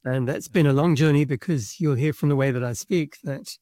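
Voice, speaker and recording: A middle-aged South African man with ties to Kenya, a guest representing a book publisher, tells his story on a conversational podcast interview. He's measured and thoughtful, pausing to choose his words, and his voice sits a little high for a man. The sound is close and dry, with no echo.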